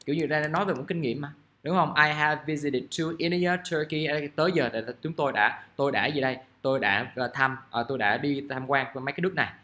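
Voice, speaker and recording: A man's voice: mid-range voice, sharp tone. Chatty male English teacher. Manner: chatty, reads example sentences slowly. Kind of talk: casual classroom explanation. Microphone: recording device at his desk.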